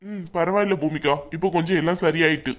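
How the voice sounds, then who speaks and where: A woman voicing a calm, patient young husband lying injured in a hospital bed, in a cartoon. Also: deep voice, fast, lightly acted. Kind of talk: cartoon voice acting.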